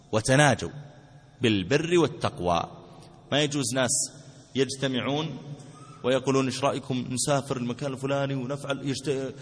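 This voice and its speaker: Animated preacher in a reverberant hall. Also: male voice, medium pitch. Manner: animated storytelling, colloquial asides. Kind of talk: religious lesson.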